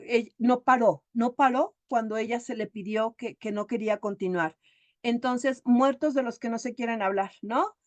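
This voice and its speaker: A woman's voice: on the high side, dry recording. A woman who works as a therapist, giving a chatty talk full of stories. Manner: chatty, animated storyteller. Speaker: emotional therapist and speaker. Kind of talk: storytelling talk.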